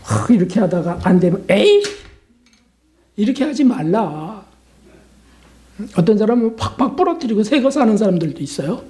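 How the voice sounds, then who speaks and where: A man who is a pastor, preaching a Lenten sermon in an animated way, with sudden rises in pitch and loudness, quick questions to the congregation and hushed whispers for emphasis. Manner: keeps asking the congregation questions such as "right?".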